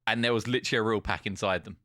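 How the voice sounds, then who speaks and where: A man from Essex, co-hosting a podcast and telling animated stories with plenty of swearing. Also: fairly low pitch, very fast, no room sound, clean studio sound. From Essex, England. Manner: animated storyteller, swears freely. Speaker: podcast co-host. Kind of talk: casual chat.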